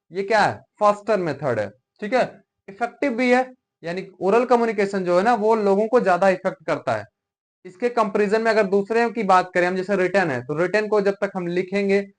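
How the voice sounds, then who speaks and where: A male teacher from Uttar Pradesh, India, giving a classroom lecture and often asking rhetorical questions to check understanding. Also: sits high.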